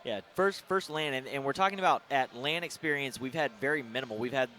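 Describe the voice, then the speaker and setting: A young man co-commentating a live esports event in a relaxed, joking way. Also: medium pitch, quick pace. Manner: laid-back, joking, trails off and restarts. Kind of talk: casual live commentary banter.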